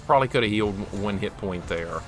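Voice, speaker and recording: Streaming a game, a man in his forties talks fast in a fairly low voice, chatting with viewers and reacting to what happens on screen. Faint music sits behind his casual live-stream talk.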